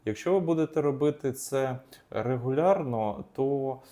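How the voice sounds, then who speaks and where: A man's voice: medium pitch, animated, normal speed, warm tone. A man, a psychologist, explaining techniques off the cuff, with frequent hesitations and restarts. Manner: unscripted, many hesitations and restarts.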